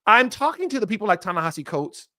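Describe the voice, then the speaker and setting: A middle-aged man hosting a live commentary show, talking off the cuff in an impassioned way that turns halting and apologetic. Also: sits high, big pitch swings, pushed and bright, no room sound, studio quality. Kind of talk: unscripted live commentary monologue.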